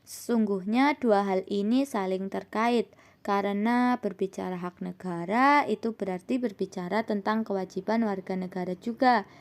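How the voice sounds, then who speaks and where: A young woman, a university student, presenting a scripted lesson in a steady reading voice that rises on her points. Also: medium pitch, moderate pace. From Indonesia. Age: young adult.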